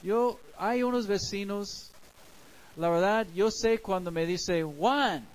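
A male pastor delivers a sermon with a noticeably high-pitched voice. He moves slowly and unhurriedly, breaking scripture down in a casual, conversational manner with everyday examples from the street. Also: poor audio.

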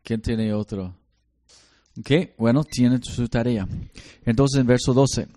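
Slow, animated man teaching. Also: medium pitch. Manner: animated storytelling, slips into English. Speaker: Bible study teacher. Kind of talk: casual Bible study teaching.

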